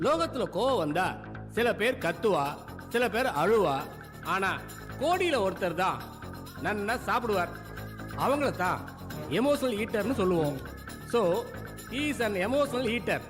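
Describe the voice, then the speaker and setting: A man's voice: sits high, big pitch swings, a little slow, long pauses, big-room sound, over music. An actor playing a fussy comic defense lawyer who pleads theatrically, mixing English into his argument. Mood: pompous. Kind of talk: film comedy acting.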